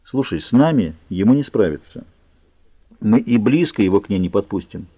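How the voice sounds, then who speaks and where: A big, gloating young vampire, voiced by a male reader, with a low, blunt delivery. The tone is dark and the recording muffled. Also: lively intonation, normal speed, husky, no room sound.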